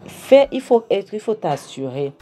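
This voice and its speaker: A woman's voice: low-pitched, animated, moderate pace, dark tone, soft background music. Woman voicing a stern advising mother. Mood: earnest. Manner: earnest, insistent advice.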